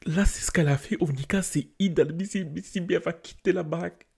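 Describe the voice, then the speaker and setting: A young man giving casual game commentary, animated and talking straight to his game characters with slang. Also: a little high, quick pace, gravelly, slightly rough. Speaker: gaming YouTuber.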